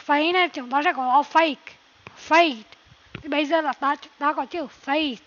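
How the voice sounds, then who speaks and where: A woman teaching English pronunciation, reading a passage slowly and repeating words, then explaining quickly. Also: high-pitched, fairly bright tone. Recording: dull lo-fi recording.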